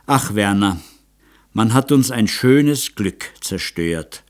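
A man's voice: lowish voice, expressive, slow. A man reading an audiobook voices a remorseful, timid middle-aged woman who pleads and blames herself. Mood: pleading. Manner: pleading, self-reproaching.

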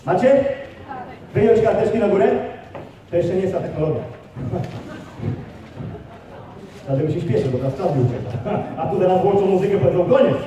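An energetic male speaker leads a live seminar, pushing the audience with rapid questions. His voice is fairly high but mellow. He is picked up from far off, in a big hall that echoes heavily, with faint noise behind him. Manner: energetic, rallying the crowd with quick questions. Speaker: motivational speaker.

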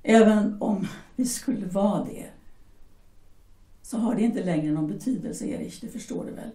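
A woman performs lightly acted lines in a warm, medium-pitched voice, far from the mic in an echoey room. Cast in an amateur audio drama as a shipyard worker's wife, a practical young German mother, she coaxes her husband insistently and persuasively, waving away his doubts.

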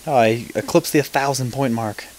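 A man's voice: medium pitch, brisk, a little mellow, a little hiss or hum, rough recording. A man giving casual gameplay commentary, thinking aloud, mumbling and swearing now and then. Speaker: let's play gamer.

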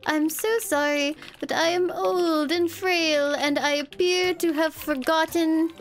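A woman voicing a frail, apologetic old woman in a video game, speaking slowly and haltingly with drawn-out words. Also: extremely high pitch, steady tone. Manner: slow, halting, drawn-out delivery. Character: frail, confused, pleading old woman, secretly a vampire. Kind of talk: in-character role-play in a video game.

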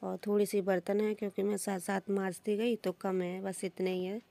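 A woman's voice: medium pitch, little pitch movement, normal speed, creaky, warm tone. A woman chatting through a homely voice-over for her family vlog, recorded at home. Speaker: vlogger.

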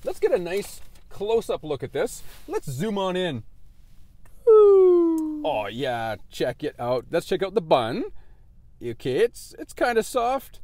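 A man chatting casually while reviewing fast food in his car, animated and laughing often. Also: sits high, no echo. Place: in a parked car.

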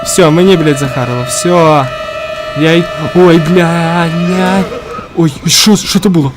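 A man's voice: fairly high pitch, fairly even intonation, a little slow, over loud music. A man commentating a horror game as he plays, jumpy and swearing constantly, yelping when startled. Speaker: gamer playing a horror game. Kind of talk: let's play commentary.

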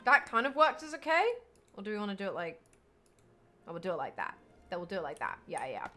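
A woman's voice: fairly low pitch, wildly swooping pitch, fast, sharp tone, soft background music. A woman streaming a block-building game, chatting casually and thinking aloud, now and then bursting into delighted squeals. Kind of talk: casual live-stream chat while building.

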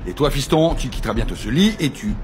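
A man's voice: medium pitch, big pitch swings, fast talker, over music, natural voice. An actor dubbing a proud, boastful father in a French-dubbed telenovela. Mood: jovial. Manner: boastful, jovial. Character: proud boastful father, middle-aged man.

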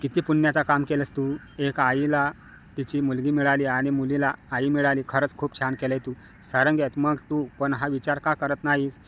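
A man's voice: medium pitch, flat delivery, normal speed, fairly bright tone, a little hiss or hum, natural voice. A man voicing an earnest, encouraging male childhood friend.

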